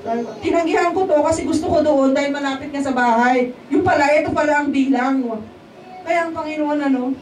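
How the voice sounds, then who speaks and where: Woman lay speaker, high voice, chatty testimony style, often turning to the congregation for agreement, recorded from a distance with faint background noise. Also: fast, darkish tone, echoey room. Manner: keeps checking in with the congregation. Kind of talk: testimony sermon in a casual, conversational way. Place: church hall at a worship service.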